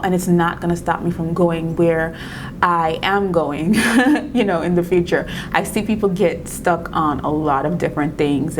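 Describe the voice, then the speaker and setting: A woman from Trinidad and Tobago gives tips to camera as a video creator, her Trinidadian accent tinged with New York. She talks casually and encouragingly, often laughing and restarting her words. Her voice is lowish, with a little hiss or hum in the recording.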